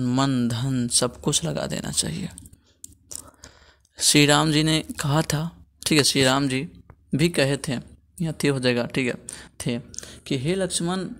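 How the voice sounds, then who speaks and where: A man's voice: mid-range voice, vocal fry. A man teaching a school textbook lesson, talking to his pupils as children, giving earnest moral advice and often saying "okay". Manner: addresses pupils as children, repeats "okay" as a filler. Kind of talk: Hindi textbook lesson explanation.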